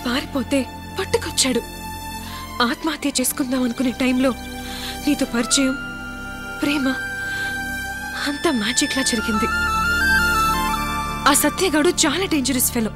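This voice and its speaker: A woman's voice: sits high, normal speed, pauses often, natural voice. An actress playing a young woman trapped by a killer, speaking in a tense, guarded and earnest way. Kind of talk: film drama acting. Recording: film soundtrack with loud music.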